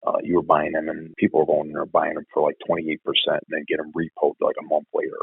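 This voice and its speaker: A middle-aged man, a retired police officer telling stories in an interview, profane and animated. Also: a bass voice, fast talker, vocal fry, breathy edge, no room sound, narrow, tinny audio. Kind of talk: storytelling in an interview.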